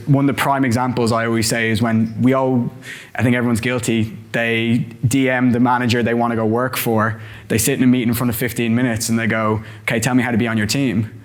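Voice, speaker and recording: A man on a conference panel, reflecting on his career in an earnest way. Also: mid-range voice. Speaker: panelist, sales development manager. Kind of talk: panel discussion answer. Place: conference hall.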